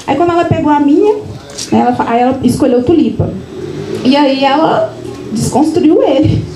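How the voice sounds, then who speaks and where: Mineira woman author telling her story at a launch, high mellow voice, lots of tag questions, echoey room with some faint noise. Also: expressive, moderate pace, over music. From Minas Gerais, Brazil. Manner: chatty, frequent tag questions and restarts. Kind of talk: casual personal storytelling to an audience. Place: event room, live audience.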